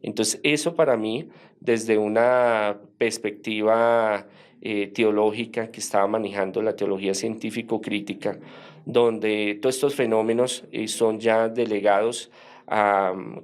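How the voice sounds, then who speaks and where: A man, an exorcist priest, telling his story in an interview in a measured, hesitant way with many fillers. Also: on the low side.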